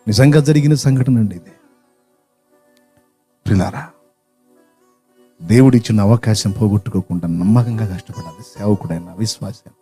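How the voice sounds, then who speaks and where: A man's voice: on the low side, moderate pace, long pauses, warm tone, husky, faint music behind. A man preaching a sermon, telling a story in an earnest, emotional way that swells with feeling.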